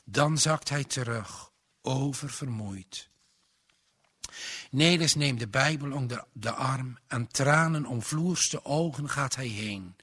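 A man reading a story aloud in calm, measured storybook narration. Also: medium pitch, breathy edge.

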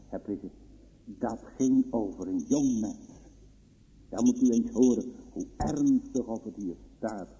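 A man preaching a sermon in a church, solemn and emphatic, with sudden high outbursts. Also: mellow. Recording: long reverb of a church hall.

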